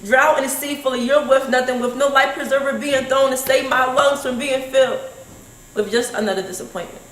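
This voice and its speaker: A woman's voice: a little high, fairly bright tone. A teenage girl, a student, performs a spoken word poem with emphatic, rhetorical delivery in a school room. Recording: echoey room with faint hum.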